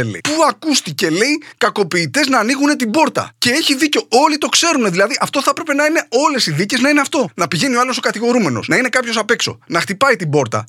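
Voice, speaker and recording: Man, satirical comedy monologue, biting mock praise, high voice, dry close recording. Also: bright, forceful tone, breathy edge, dry recording. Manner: heavy sarcasm, mock praise. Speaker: satirical commentator.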